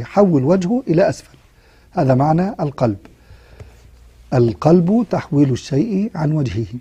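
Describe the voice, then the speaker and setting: Husky, dark-voiced Egyptian teacher. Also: male voice, medium pitch, no echo. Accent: Egyptian Arabic. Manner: patient, explanatory, slows down to demonstrate sounds. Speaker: Quran recitation teacher. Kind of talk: recorded online lesson.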